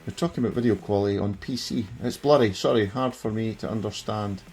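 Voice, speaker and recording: A man's voice: fairly low pitch, brisk, a little mellow, soft background music. A middle-aged man with a broad Scottish accent, giving chatty, self-deprecating live commentary as he plays games. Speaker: streamer reviewing a gaming handheld. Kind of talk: casual live gameplay commentary.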